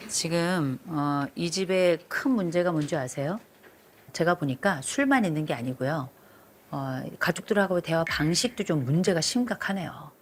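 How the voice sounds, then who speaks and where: A middle-aged marriage counselor on a TV counseling session firmly lectures and scolds a couple. Her voice is fairly low with a breathy edge, and there's background music.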